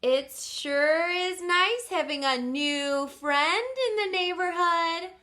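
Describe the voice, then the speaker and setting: A woman voicing an earnest, excitable young boy from a picture book, speaking emphatically. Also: extremely high pitch, slow pace, voice pushed up, full character voice. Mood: pointed.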